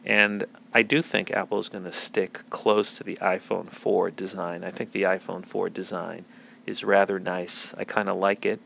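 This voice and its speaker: A man's voice: low voice, level tone, normal speed, vocal fry, a bit bright, a little hiss or hum. A man hosting a podcast, talking through tech news in a casual, rambling way with many fillers and restarts. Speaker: podcast host.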